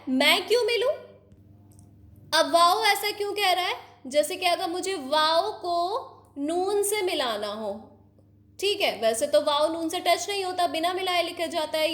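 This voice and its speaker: A woman teaching young children, explaining slowly and patiently, often asking questions to check they follow. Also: extremely high pitch, fairly bright tone.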